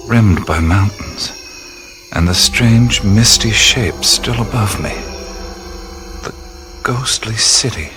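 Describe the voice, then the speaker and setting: In an audio drama, the lead actor voices an awestruck male adventurer exploring mysterious ruins and narrating his discoveries in the first person. He speaks slowly and haltingly, musing in hushed awe, his pitch swinging widely and often dropping to a breathy whisper. A music bed plays behind him.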